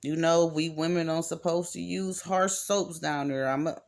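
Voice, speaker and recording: A woman's voice: low voice, fairly even intonation, normal speed, darkish tone. A woman giving a casual, rambling reading to her viewers, blunt and cursing freely. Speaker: card reader.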